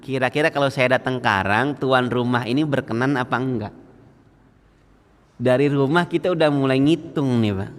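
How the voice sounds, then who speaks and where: A man delivers a sermon in a mosque hall, firing questions at the congregation and acting out little everyday scenes. His voice is smooth and resonant at a middle pitch. A long reverb trails his words. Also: a bit bright. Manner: engaging, quizzes listeners with frequent questions; acts out everyday scenes and quotes scripture slowly. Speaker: preacher.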